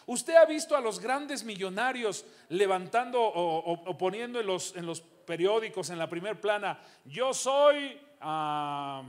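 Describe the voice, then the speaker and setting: A high-pitched middle-aged man preaches a sermon in a church. He fires rhetorical questions at the congregation, then drops to low, confiding asides. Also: normal speed, few pauses. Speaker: pastor.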